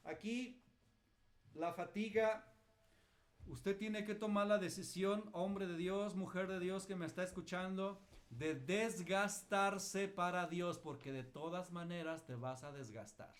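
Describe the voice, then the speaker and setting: High-voiced Mexican pastor teaching. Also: male voice, slow, fairly bright tone. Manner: colloquial, self-mocking storyteller. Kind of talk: lively teaching with personal anecdotes.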